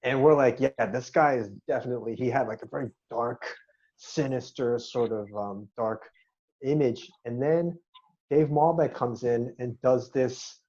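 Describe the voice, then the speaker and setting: Mellow man telling stories on lo-fi line. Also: medium pitch, a little slow. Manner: relaxed storytelling with quoted asides. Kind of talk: casual reunion chat. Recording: dull lo-fi sound.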